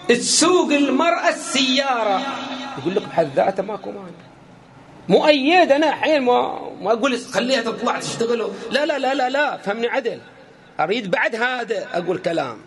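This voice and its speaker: A man delivers a sermon in a strikingly high voice that leaps up and down. He addresses his listeners head-on, jokes with them and acts out the exchanges he describes. His delivery stays animated throughout. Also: creaky. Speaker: preacher. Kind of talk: lively sermon to a congregation.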